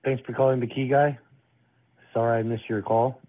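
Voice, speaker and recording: A man's voice: mid-range voice, flat delivery, moderate pace, background noise. A man's recorded voicemail greeting, brief and polite, played back over a phone. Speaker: business owner's answering message. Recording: tinny phone line recording.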